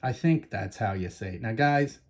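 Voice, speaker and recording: Lowish and darkish in tone, this host's voice keeps a normal speed. He's a chatty, enthusiastic Canadian running a casual coin-collecting show-and-tell vlog, addressing viewers head-on.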